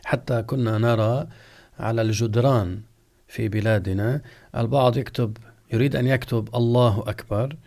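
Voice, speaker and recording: A man teaching Islamic law at a deliberate pace. His voice sits at an ordinary middle pitch. He stretches out the words he uses as examples so the listener can hear the error he warns against. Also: fairly even intonation, creaky, darkish tone. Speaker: Islamic scholar teaching jurisprudence. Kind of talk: religious lesson, question-and-answer.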